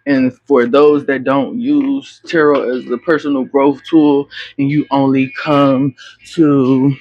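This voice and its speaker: A man talks his way through a tarot reading in a casual, meandering monologue, leaning on fillers and cursing freely. His delivery is slow and drawn out at a medium pitch. The recording is dry and slightly dull, like a lo-fi mic. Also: flat delivery, no room sound. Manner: rambling, frank and profane, many fillers and restarts. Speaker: tarot reader. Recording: slightly muffled lo-fi.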